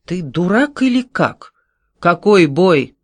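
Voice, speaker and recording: A man's voice: medium pitch, a little slow, no echo, studio quality, close to an everyday voice. A man doing a barking, furious border sergeant. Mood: scornful. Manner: barking orders, coarse and exasperated. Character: gruff angry male border guard sergeant.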